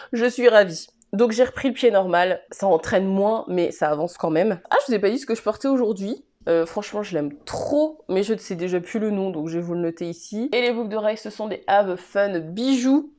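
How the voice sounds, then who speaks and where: A woman's voice: mid-range voice, brisk, hardly any pauses, warm tone. A woman chatting casually in a home sewing vlog, exasperated and laughing at her own mistakes. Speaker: sewing vlogger.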